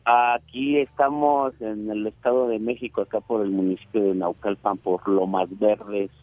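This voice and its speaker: A man with a Mexican accent calling in to a radio show over a landline phone, talking in a relaxed, hesitant way and searching for his words. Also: lowish voice, normal speed, no echo. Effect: heard over a landline phone. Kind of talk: casual chat. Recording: tinny dry phone line.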